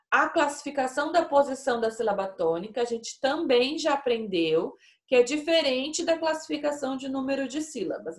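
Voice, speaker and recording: A woman teacher with a Brazilian Portuguese accent giving a recorded lesson to young pupils, explaining slowly and patiently and often checking that they follow. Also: a little high. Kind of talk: recorded remote class lesson. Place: classroom with a whiteboard. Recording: echoey room.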